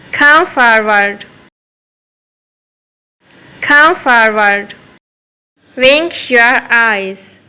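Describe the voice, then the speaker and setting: A woman teaching simple English phrases to children, saying each one slowly and clearly twice. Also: on the high side, bright, forceful tone, low-quality recording. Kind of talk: repeating phrases for learners.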